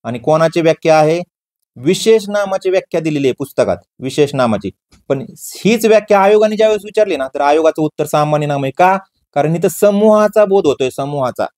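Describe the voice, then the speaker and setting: A male teacher speeds through exam-prep grammar, quizzing on every definition and supplying the answer himself with the key words repeated. His slightly high voice is animated and brisk, with a darkish tone.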